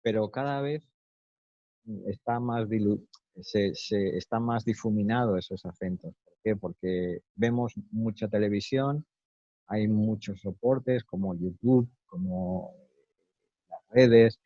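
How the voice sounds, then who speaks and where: A man from Spain with a neutral Castilian accent, speaking as a guest in a relaxed interview, thoughtful and hesitant with many fillers. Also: on the low side, slow pace, no echo, lo-fi sound. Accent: neutral Castilian Spanish.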